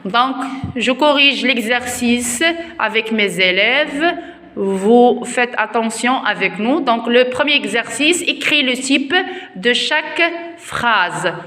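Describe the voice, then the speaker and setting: Woman teacher, Moroccan accent, patient classroom explanation, bright tone, long echoey reverb. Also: on the high side, animated. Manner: explains slowly, switching between French and Moroccan Arabic. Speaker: primary school French teacher. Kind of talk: classroom grammar lesson.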